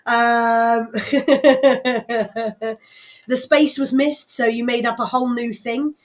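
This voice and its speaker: A woman's voice: a little high, fairly even intonation, drawn-out words, faint music behind. A woman hosting a live local radio show with a West Country English accent, chatting casually and rambling with frequent laughs and fillers. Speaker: radio host.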